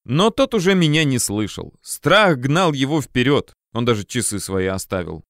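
A man's voice: mid-range voice, big pitch swings, moderate pace, a bit bright, no echo. A man narrates an audiobook in the first person with a wry, easy storytelling manner. His voice sits in a middle register. The recording is dry and close, with no room sound.

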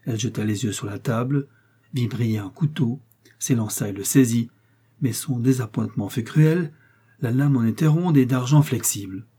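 A man narrating a classic novel as an audiobook, in a measured, dramatic reading. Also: mid-range voice, mellow, husky.

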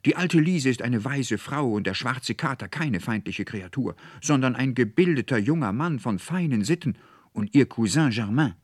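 A man's voice: mid-range voice, animated, normal speed, slightly rough, no room sound, studio quality, pitched above the performer's own voice. A man voicing an indignant young woman who speaks in an angry, heated way in a read-aloud story.

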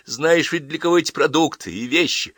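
A severe, pious mother speaks with chilling, flat calm, voiced by a man reading a storybook. The voice stays bright and dry, never raised in heat. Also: fairly high pitch, fairly quick, no room sound, voice pushed up. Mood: coldly calm. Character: cold, pious, cruel middle-aged mother.

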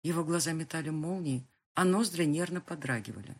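A woman narrating a first-person audiobook with a husky voice and tense dramatic reading. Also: low voice, lively intonation, fairly quick.

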